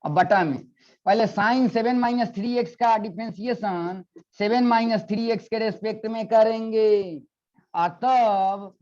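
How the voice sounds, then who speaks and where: This male physics teacher's voice sits high and is a little mellow as he lectures his class. He repeats questions and coaxes students along, captured on a dull lo-fi classroom recording.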